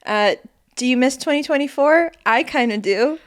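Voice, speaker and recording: Young woman podcast host, kinda high voice, sweary joking around, super casual chat. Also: normal speed. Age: young adult. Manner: sweary, irreverent, riffing in mock pitches.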